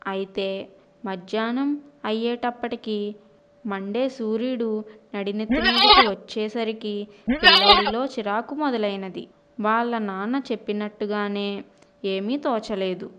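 A woman narrating a children's story in an expressive storytelling manner. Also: mid-range voice, unhurried, clean tone, dull audio.

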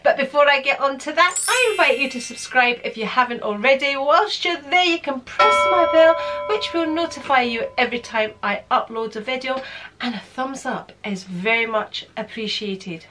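Here the same kind of speaker talks at a moderate pace over a noisy background: a London-born woman in her fifties with a high voice and a Scottish accent touched by London Greek. As the channel host, she rambles chattily to camera in a relaxed vlog, hands moving expressively, from a room at home filled with shelves of handbags.

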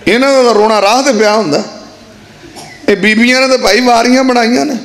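A man's voice: very high-pitched, brisk, a bit bright. A man preaching a sermon, stretching his phrases out and slipping in humorous asides.

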